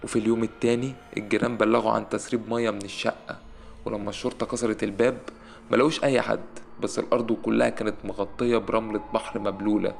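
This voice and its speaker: Gravelly man telling horror stories. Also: lowish voice, little pitch movement. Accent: Egyptian Arabic. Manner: suspenseful, dramatic pauses. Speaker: horror story narrator. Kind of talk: scripted horror narration.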